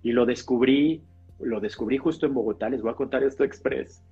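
A man who is a pastor, sharing a personal testimony in a casual podcast conversation, animated and acting out the dialogue. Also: medium pitch, a little fast, husky. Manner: animated storyteller, acts out dialogue. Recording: slightly dull podcast audio with faint guitar music.

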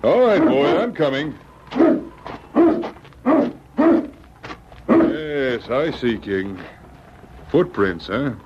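An actor playing a steady, watchful Mountie sergeant thinking aloud to his dog in an old radio drama. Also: mid-range voice, slow pace. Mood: curious. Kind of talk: 1940s radio drama acting. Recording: muffled, noisy old radio recording.

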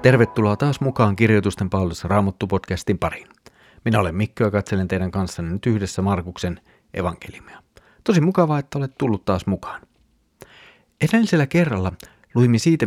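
Male podcast host, lowish voice, calm measured scripture reading and teaching, dry close sound. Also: no echo.

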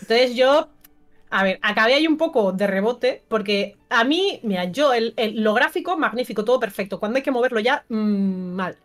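A woman's voice: on the high side, animated, normal speed. Wry young woman with a Spanish accent. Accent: Spain Spanish. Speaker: host. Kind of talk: casual chat. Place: streaming studio.

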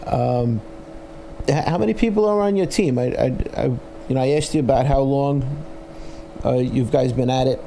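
A man with a Brooklyn accent hosting a casual interview, enthusiastic but halting, often repeating his words. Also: medium pitch, gravelly, warm tone, a little hiss or hum, low-quality recording. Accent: Brooklyn, New York. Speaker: interviewer, host.

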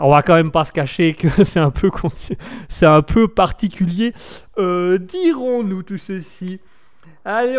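Tired guy hosting a live show, high clear voice, jokey, trips over words a lot, dry close mic. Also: darkish tone, no room sound. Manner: rambling, joking, stumbling and correcting himself. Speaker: host of a live call-in show.

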